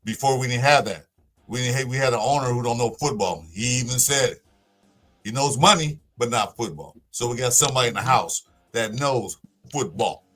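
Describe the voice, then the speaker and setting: A man's voice: medium pitch, normal speed, a bit bright, soft background music. A man in his sixties on a casual podcast panel, speaking bluntly in short punchy sentences. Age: 60s.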